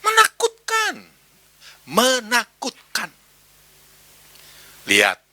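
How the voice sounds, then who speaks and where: A man with an East Javanese accent preaching a sermon in church, animated and slipping into Javanese slang while acting out voices. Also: fairly low pitch, no room sound. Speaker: pastor.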